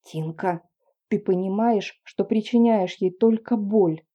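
A bitter nineteen-year-old brother who hisses out his resentment, as a woman reading the audiobook puts him on. The voice is dark and mellow. The recording is a little dull and lo-fi. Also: mid-range voice, takes it slowly. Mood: hissing. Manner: hissing, resentful. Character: angry male teen brother, sullen.

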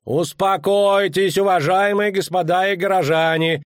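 A man's voice: high-pitched, fairly even intonation, measured pace, dry recording, studio quality, pitched above the performer's own voice. A man voicing a fussy, pompous court official who proclaims in a raised voice in an audiobook. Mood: proclaiming.

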